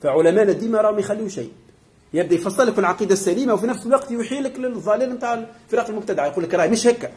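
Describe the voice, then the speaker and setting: Tunisian sheikh teaching doctrine to a class, super fast talker, keeps asking if everyone gets it. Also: male voice, high-pitched, darkish tone. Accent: Tunisian Arabic. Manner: explanatory, keeps checking the class understands. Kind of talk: religious doctrine lesson.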